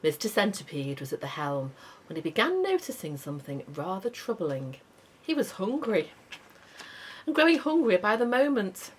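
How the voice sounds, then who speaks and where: A woman reading a children's story aloud in an expressive way, going soft and hushed at calm moments. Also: medium pitch, moderate pace, a little hiss or hum. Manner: expressive, softening to near whisper at calm moments.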